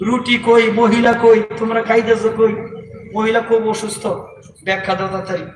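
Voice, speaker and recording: A man voicing a stern, suspicious old king in a told story, exclaiming loudly. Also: extremely high pitch, little pitch movement, fairly quick. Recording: echoey distant loudspeaker outdoors with noise.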